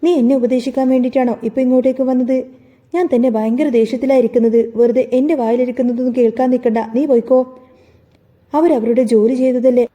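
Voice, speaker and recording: A woman's voice: on the high side, steady tone, quick pace, mellow, long reverb tail, lo-fi sound, close to an everyday voice. A woman voicing a hot-tempered young man in a storybook narration, talking in an angry, defiant way.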